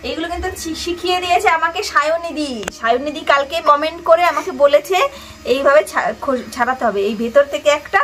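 A woman in her family home speaks straight to her viewers in an easy, chatty vlog style. Her voice sits high and bright in pitch. Faint background music plays under her talk. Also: fairly quick. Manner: chatty, lively, addresses viewers directly. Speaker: vlogger and mother.

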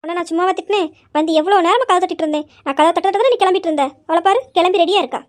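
Comic skit: a woman as a scolding, sharp-tongued mother, high voice, fast talk. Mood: exasperated. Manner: bossy, scolding, quick retorts. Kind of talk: comic family skit acting.

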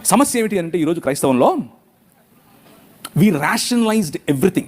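A man's voice: high voice, animated, unhurried. A middle-aged male pastor with a Telugu accent preaching a passionate sermon. He acts out prayers and God's replies.

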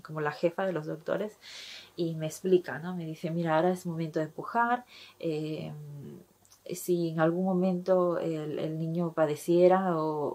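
Woman vlogger, young adult, low voice, casual halting storytelling to camera. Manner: halting, many restarts and fillers.

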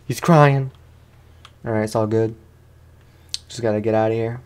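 A let's play streamer with a fairly low, smooth, somewhat dark voice speaks at a moderate pace with fairly even intonation. He keeps his commentary casual and slangy, chatting to himself and taunting his in-game opponent.

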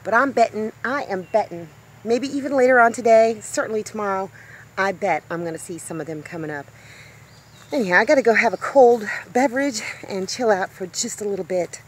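A woman's voice: mid-range voice, brisk, slightly rough. A woman in her fifties talking casually to a handheld camera about her garden, upbeat and chatty. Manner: chatty, upbeat, exclaims at small discoveries. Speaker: homesteading vlogger. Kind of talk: casual outdoor vlog. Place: outdoors in a rural yard by a tiny house.

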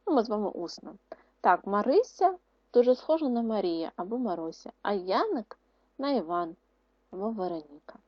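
A woman teacher giving a video lesson to schoolchildren, dictating words slowly and explaining rules in a clear, instructive way. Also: mid-range voice, big pitch swings, dry recording. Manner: slow, syllable-by-syllable dictation of words. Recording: dry, muffled lo-fi recording.

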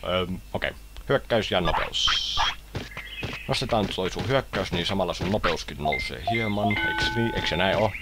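A man's voice: deep voice, animated. A Finnish man playing a video game and commenting playfully, often voicing the creatures in a silly way. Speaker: let's player. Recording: loud game music behind.

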